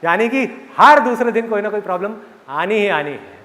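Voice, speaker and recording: A man giving a live motivational speech to an audience in a large hall, animated and asking rhetorical questions. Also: high voice, moderate pace. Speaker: motivational speaker. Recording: echoey hall with faint crowd.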